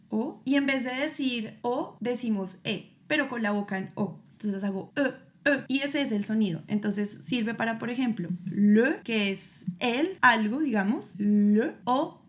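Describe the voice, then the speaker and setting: A woman whose first language is Spanish gives a casual spoken lesson on pronunciation, patiently explaining step by step and demonstrating each sound slowly. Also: fairly high pitch. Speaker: amateur French teacher.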